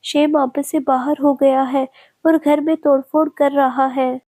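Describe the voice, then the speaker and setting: A woman's voice: sits high, little pitch movement, unhurried, dark tone, no echo, clean studio sound. A woman reading as an urgent man bringing bad news. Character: hurried male messenger.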